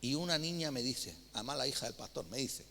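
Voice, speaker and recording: A man with a Spain Spanish accent preaching a sermon, telling anecdotes and reading scripture in a lively storytelling manner, with a long reverb of a church hall. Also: mid-range voice, fast, vocal fry. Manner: lively storytelling, acting out dialogue.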